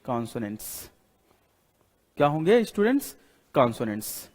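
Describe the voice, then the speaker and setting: A man's voice: medium pitch, big pitch swings, moderate pace, a little mellow. Indian man teaching in a hall. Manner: repeats rules, quizzes students with questions. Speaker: English teacher. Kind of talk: classroom lecture in Hindi. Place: classroom with a board. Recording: long hall reverb.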